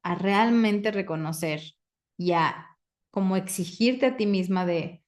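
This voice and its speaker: Woman facilitator, coaching a group, questions the audience, mid-pitched voice. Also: a little slow, darkish tone. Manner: asks the audience questions, recites clearing statements. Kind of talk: live group coaching session.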